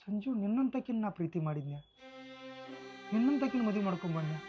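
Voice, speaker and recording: Heated, fast-talking angry husband. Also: male voice, high voice, expressive. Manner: heated and scolding. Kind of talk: rural family drama acting. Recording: slightly dull sound with faint music.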